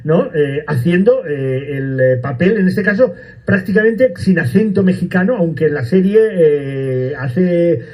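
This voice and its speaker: A man's voice: fairly high pitch, unhurried, a little mellow, low-quality recording. A man interviewing a guest on the radio, hesitant and full of fillers.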